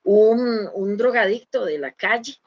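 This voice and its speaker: With lively intonation and a measured pace, this mid-range woman's voice carries a Costa Rican Spanish accent. Speaking at a church conference, the Costa Rican woman earnestly gives her testimony, full of fillers and restarts. The audio sounds dull.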